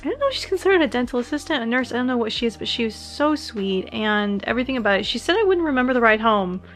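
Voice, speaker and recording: A woman's voice: on the high side, expressive, fast, faint music behind. A young woman chatting casually to her vlog, groggy and rambling, her mouth sore and swollen after oral surgery. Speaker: vlogger.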